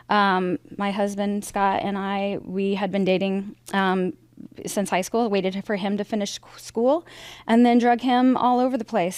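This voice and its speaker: A woman's voice: medium pitch, clear, resonant tone, dry recording. A woman in her forties, raised in Idaho, telling her career story as an interview guest in a chatty, rambling way. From Idaho, USA. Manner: chatty and storytelling, with frequent fillers and restarts. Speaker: interview guest, aircraft sales director. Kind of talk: conversational interview.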